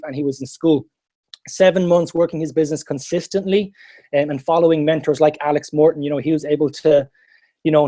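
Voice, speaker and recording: Casting: young male pitchman, west of Ireland accent, rapid emphatic delivery, mellow tone, motivational call host. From Galway, Ireland. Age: 20s. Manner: emphatic, repetitive, peppered with "you know" and "okay". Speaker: host of a network marketing launch call.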